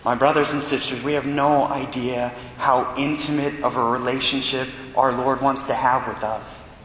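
A man, a priest, reading the Gospel and giving a homily in a measured, earnest way with pauses, heard with a cathedral echo. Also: little pitch movement, a bit bright. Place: large church. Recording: echoey church hall with faint rumble.

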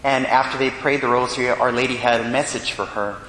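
A priest reads scripture and preaches in a measured, earnest voice. His words ring out in a cathedral echo that hangs in the large church, and a faint low rumble sits underneath. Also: steady tone, fairly bright tone. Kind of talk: gospel reading and homily.

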